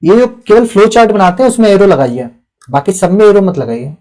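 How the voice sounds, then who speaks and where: A man's voice: high voice, big pitch swings, fairly quick, warm tone. Man patiently reviewing student answers. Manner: patient, instructive, reads student copies aloud. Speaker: teacher evaluating answer sheets. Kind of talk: live answer-writing feedback class.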